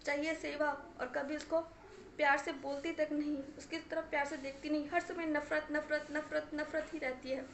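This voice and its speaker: A woman's voice: sits high, level tone, moderate pace, roomy sound, a little hiss or hum. A woman playing an angry married daughter who scolds her mother with emphatic repetition in an acted family story. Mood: scolding. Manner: reproachful, emphatic, repeating herself.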